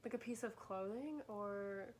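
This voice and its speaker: A woman's voice: mid-range voice, a little slow, slight background noise. Chatty young woman vlogging. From Michigan. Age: young adult. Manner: chatty, filler-heavy, laughing. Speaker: vlog host. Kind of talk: casual chat on camera.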